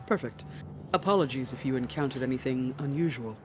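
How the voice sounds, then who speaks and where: A man acts out a shadowy hooded go-between in a tabletop role-play. The voice is guarded and formal, giving measured, terse orders at a middle pitch over faint music. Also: close to an everyday voice. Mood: guarded, curt. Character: shadowy hooded contact, curt, guarded, commanding.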